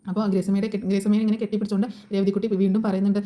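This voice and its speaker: A woman's voice: medium pitch, level tone, very fast, warm tone. A woman narrating a casual voice-over recap of a TV serial, chatty and constantly adding little tag words. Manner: chatty, rattles through the plot with frequent tag words.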